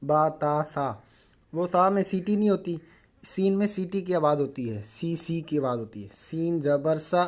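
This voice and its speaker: A man with a Pakistani Urdu accent teaching Quran reading, chanting syllables slowly and explaining in quick asides. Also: a little high. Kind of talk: slow recited lesson drills.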